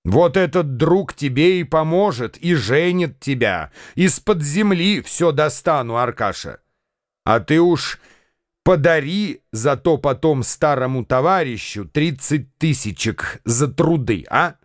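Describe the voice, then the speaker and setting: A man's voice: on the high side, animated, a little slow, no room sound, studio quality. A man voicing a scheming, mocking young swindler who talks in a sly, wheedling way in a radio drama.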